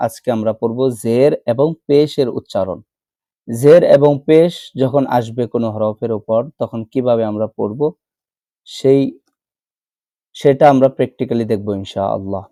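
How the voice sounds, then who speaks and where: A man teaching Quran reading in a Bangladeshi Bengali accent, slowly drilling letter sounds again and again in an online lesson. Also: medium pitch, mellow, dry recording, clean studio sound.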